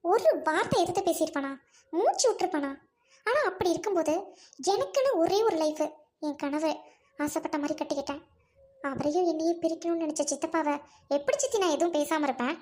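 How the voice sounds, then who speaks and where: Brief: woman voicing defiant young wife, high-pitched, scolding and fearless, amateur skit. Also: a little fast, darkish tone. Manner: fierce, accusing, scolding. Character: defiant young married woman confronting her scheming uncle.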